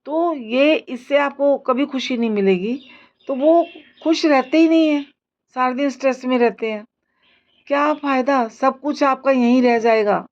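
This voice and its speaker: A woman's voice: sits high, measured pace, highs cut off. A woman giving earnest, preachy life advice in a casual motivational talk. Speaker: lifestyle video host.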